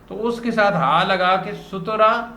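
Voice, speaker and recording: A man teaching a grammar lesson to a student, patiently repeating words slowly as a drill. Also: sits high, sharp tone. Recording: roomy echo, faint background noise.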